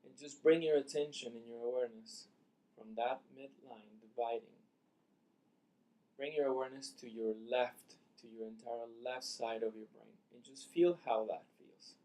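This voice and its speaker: With a mid-range voice captured on poor audio, a meditation teacher gently leads a session. He speaks deliberately in brief phrases, leaving long silences between his calm directions.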